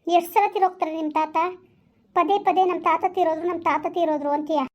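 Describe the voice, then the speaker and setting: A woman's voice: very high-pitched, fairly even intonation, quick pace, dull audio. A woman playing a hurt, sulking young girlfriend. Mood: sulky. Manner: reproachful, repeats herself. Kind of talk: village skit phone-call acting.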